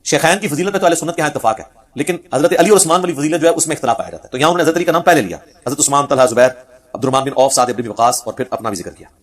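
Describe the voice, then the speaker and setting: A man giving a religious lecture on hadith, telling the stories vividly and acting out the quoted speech. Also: fairly high pitch. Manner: animated storyteller who acts out quoted speech. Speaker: Islamic preacher.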